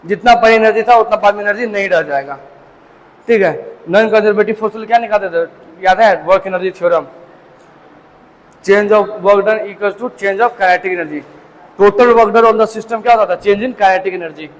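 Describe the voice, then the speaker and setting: A physics teacher lecturing a live class, repeating key points and checking students follow. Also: male voice, sits high, measured pace. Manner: repetitive, drilling points home with check-ins. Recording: distant echoey classroom with faint hiss.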